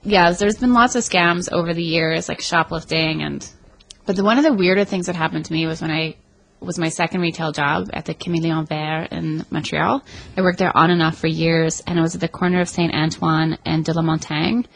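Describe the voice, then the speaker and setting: A woman's voice: low voice, fairly even intonation, a little fast, vocal fry, a bit bright. Wry chatty woman telling a story. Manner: wry, chatty, jokes and asides. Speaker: podcast co-host. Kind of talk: casual storytelling chat. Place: apartment.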